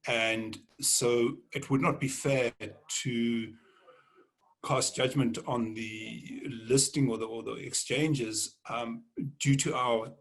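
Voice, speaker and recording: Halting man answering panel questions. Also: medium pitch, fairly even intonation. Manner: halting, repeats words while thinking. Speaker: panelist, mining executive.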